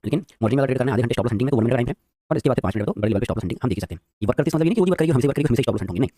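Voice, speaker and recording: A man teaching a live trading lesson, quizzing his viewers and talking very quickly. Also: mid-range voice, lively intonation, warm tone, no room sound, studio quality.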